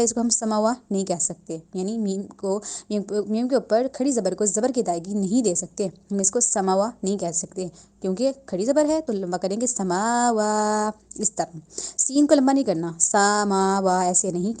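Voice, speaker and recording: Patient woman teaching recitation, mellow voice. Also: mid-range voice. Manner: patient, repeats each sound slowly. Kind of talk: slow word-by-word tajweed lesson.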